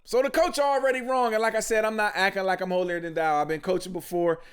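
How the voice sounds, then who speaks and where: A man's voice: sits high, steady tone, fast talker, smooth. A man hosting a podcast, giving blunt, emphatic commentary full of street slang. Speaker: podcast host. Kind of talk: casual commentary.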